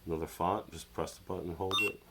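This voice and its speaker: Over heavy background noise, a man with a deep voice and steady tone talks fast while doing a casual show-and-tell product review at a desk beneath an overhead camera. He has a cold and sounds nasal, rambling hesitantly with lots of fillers and restarts.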